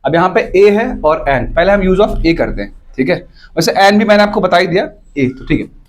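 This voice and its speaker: High-voiced male teacher, checking in often. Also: big pitch swings, fairly quick. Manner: keeps checking whether students follow, repeats points. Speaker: English teacher. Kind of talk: classroom grammar lesson. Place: classroom with students.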